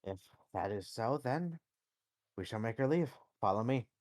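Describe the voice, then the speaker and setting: A man's voice: medium pitch, expressive, moderate pace, a little mellow, no room sound, studio quality, lightly acted. A man voicing a courteous villager who speaks in stilted, old-fashioned phrasing.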